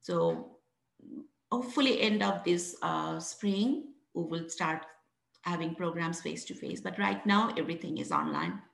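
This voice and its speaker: A woman from Bangladesh talks through her story as an interview guest, earnest and reflective, pausing to restart her thoughts. Her voice carries a roomy echo, as if recorded in an open, hard-walled space. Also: lowish voice, big pitch swings, creaky, a bit bright. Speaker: guest, founder of a mentoring program. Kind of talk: interview answers.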